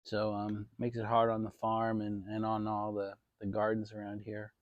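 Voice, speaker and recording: A man's voice: fairly low pitch, completely flat delivery, moderate pace, no room sound, lo-fi sound. Easygoing American man chatting outdoors, dry sound. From Maryland, United States. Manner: easygoing, rambling, mildly salty language. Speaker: vlog host. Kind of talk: casual outdoor backyard chat to viewers. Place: outdoors in a shaded backyard.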